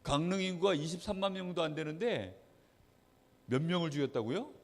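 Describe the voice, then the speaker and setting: A man preaching a children's sermon as pastor, animated storytelling, asking the children questions and acting out quotes. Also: a little high, fairly quick, in a large hall. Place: church hall.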